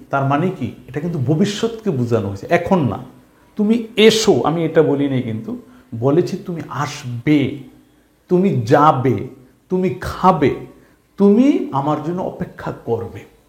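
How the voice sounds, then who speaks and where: A man with a Bengali accent teaching a spoken English lesson, slowly drilling phrases and asking his class rhetorical questions. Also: on the high side, big pitch swings. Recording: echoey room.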